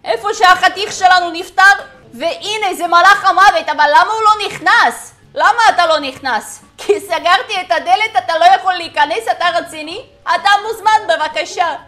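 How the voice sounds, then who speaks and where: A woman's voice: extremely high pitch, pushed and bright, soft background music. A woman giving playful let's-play commentary, chatting to and teasing the characters in her game. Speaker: game narrator.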